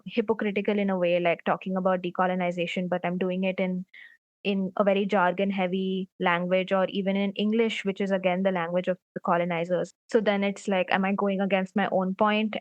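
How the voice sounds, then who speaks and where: Young woman guest, thoughtful and rambling, average pitch, dry sound. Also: dry recording. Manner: reflective, thinking aloud with frequent "like". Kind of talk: interview conversation.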